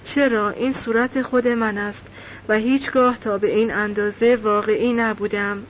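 A woman reading aloud and voicing a devout young village man who speaks calmly and insistently. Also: mid-range voice, highs cut off, slight background noise, natural voice. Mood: calm insistence.

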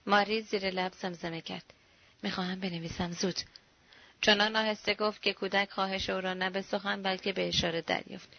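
A woman narrating a novel in a measured, steady storytelling voice. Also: medium pitch, vocal fry, no echo. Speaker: audiobook narrator. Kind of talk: scripted narration. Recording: dull, dry lo-fi recording.

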